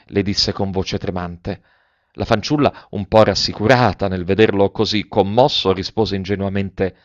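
A male narrator reads a classic novel in a measured, expressive style, his voice sitting low. The sound is dry and close, with a dull, muffled tone. It feels like a plain home audiobook recording. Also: dry recording. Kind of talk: audiobook reading.

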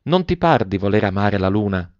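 A bashful, lovestruck young man, earnest and flowery, as a male storybook reader plays him. The voice is low and close to the narrator's own, with a dry, dull sound. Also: sing-song, a little fast, a little mellow, no room sound. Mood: dreamy, earnest.

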